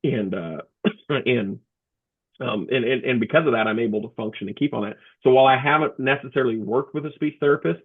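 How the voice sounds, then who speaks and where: A man talking as an interview guest, a comedian and motivational speaker, telling his story in a halting way with many restarts over a remote call. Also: medium pitch, breathy edge. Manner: halting, with frequent restarts and fillers. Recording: tinny phone-like remote line.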